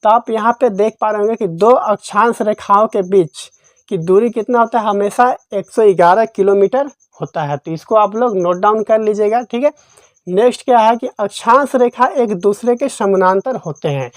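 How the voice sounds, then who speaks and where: Speaking at a moderate pace with a medium-pitched voice and no echo, a woman delivers a dry geography voice-over for exam prep. She repeatedly quizzes, asking her own questions and then answering them.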